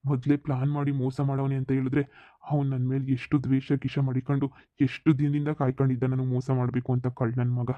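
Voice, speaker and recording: A man's voice: mid-range voice, level tone, quick pace, no echo, muffled recording, lightly acted. A man voicing a middle-aged father in a cartoon, an ailing businessman who has been cheated, talking in a weary, regretful way. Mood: bitter. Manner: weary, regretful, speaks of lying down to rest. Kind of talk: cartoon voice acting.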